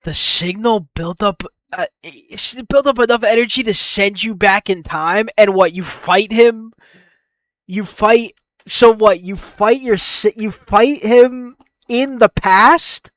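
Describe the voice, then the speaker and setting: A young man streaming his game development, thinking aloud in an excitable, casual way and swearing now and then. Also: high-pitched, slow pace, no room sound. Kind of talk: casual live-stream brainstorming.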